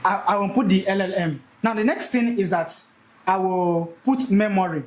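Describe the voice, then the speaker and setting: A young man teaching a live session, animated and repeating key words for emphasis. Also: high-pitched, normal speed, echoey room, slight background noise, low-quality recording. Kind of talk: energetic classroom teaching.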